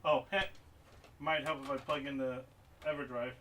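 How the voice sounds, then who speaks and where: Bright-voiced man, a bit off mic. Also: mid-range voice, level tone, moderate pace. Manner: talks to himself as he works, mumbling asides. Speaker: streamer repairing game consoles. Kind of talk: casual live-stream chat while working. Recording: voice a bit far from the mic, faint noise behind.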